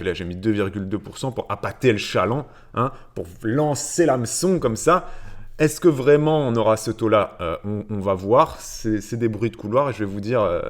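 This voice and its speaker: A fairly low-pitched man hosting a relaxed finance livestream from a home setup. He talks loosely, greets viewers one by one and pads his sentences with fillers and restarts. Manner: chatty, greets viewers by name, many fillers and repeats. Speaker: livestream host on personal finance. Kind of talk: casual livestream chat reading viewer comments.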